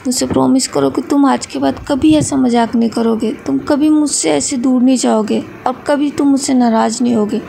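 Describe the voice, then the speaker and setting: A woman voicing a shy, tearful young female college student who speaks in hesitant, halting bits, with a high, gravelly voice. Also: steady tone, mellow.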